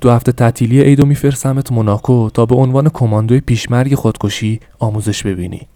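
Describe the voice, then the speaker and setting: Man playing a stern angry father, harsh scolding, deep dark voice. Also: lively intonation, no room sound, lightly acted. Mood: furious. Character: angry stern father shouting at his son.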